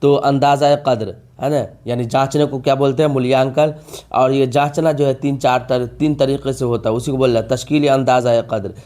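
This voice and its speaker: A man's voice: mid-range voice, fairly even intonation, dark tone. A man, teaching an exam-prep vocabulary lesson, repeating each term and asking rhetorical questions. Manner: drawn-out emphasis on key words.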